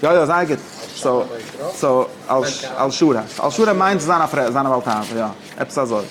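A man teaching an informal text study lesson, halting and restarting often, mixing languages. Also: mid-range voice, crowd noise. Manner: halting, mixes languages, many fillers and restarts. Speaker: teacher of religious texts.

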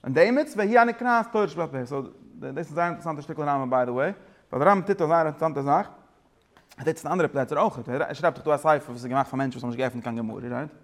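A man teaching a religious study lesson, explaining in a rapid, rambling way and dropping English words into his talk. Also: a little high.

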